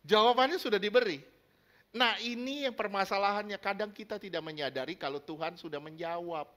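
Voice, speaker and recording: Male pastor, high and bright, emphatic sermon delivery with questions to the room. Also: a little fast. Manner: emphatic, asks the congregation questions, acts out little scenes.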